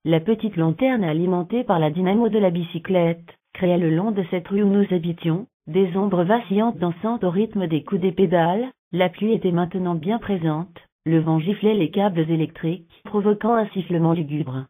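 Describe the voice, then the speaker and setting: A synthetic woman's voice reading a novel aloud in a flat, monotone way with uneven phrasing. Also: fairly low pitch, normal speed, hardly any pauses. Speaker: narrator. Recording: narrow phone-like sound.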